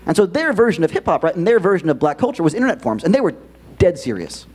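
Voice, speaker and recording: A man's voice: high voice, breathy edge. A man giving a keynote talk to students in a school auditorium, speaking conversationally with lots of fillers. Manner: animated, quick conversational delivery with many fillers. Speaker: keynote presenter.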